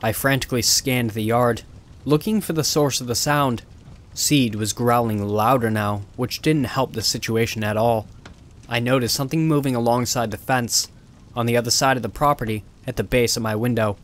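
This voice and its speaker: A man's voice: mid-range voice, normal speed. Man narrating a horror story. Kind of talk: scripted first-person horror narration.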